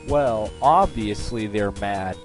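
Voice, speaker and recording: A man's voice: on the low side, takes it slowly, low-quality recording. A young man hosting a let's play, chatting casually with sarcasm, swearing and lots of fillers. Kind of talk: casual gameplay commentary. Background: game music.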